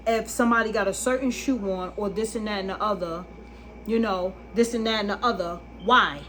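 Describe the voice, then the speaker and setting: A woman's voice: mid-range voice, a little fast, very noisy. A woman vlogging a casual monologue to camera, blunt and emphatic, often asking if you understand. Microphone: phone camera.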